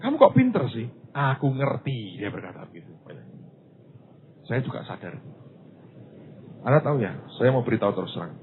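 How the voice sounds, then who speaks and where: A male pastor from Indonesia preaching a sermon, telling stories with loud bursts and hushed asides. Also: medium pitch, moderate pace, pauses often. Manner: animated storytelling, swinging between loud bursts and hushed asides. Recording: lo-fi phone-like recording with faint hiss.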